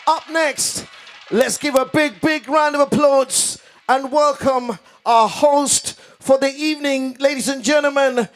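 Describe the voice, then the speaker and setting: A man's voice: very high-pitched, steady tone, measured pace. A man working as the DJ announcer at a wedding reception, calling out to the crowd. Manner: loud crowd hype calls. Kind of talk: hype announcing over music. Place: reception hall with loud music. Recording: distant voice over loud music.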